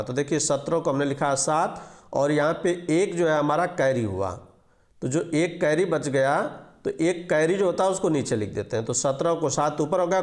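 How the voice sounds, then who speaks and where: A man's voice: a little high, darkish tone. A man teaching basic arithmetic step by step, patiently repeating each rule and quizzing before answering. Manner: patient, repetitive, walks through each digit and asks questions before answering. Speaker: math teacher. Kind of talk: explaining an arithmetic lesson step by step.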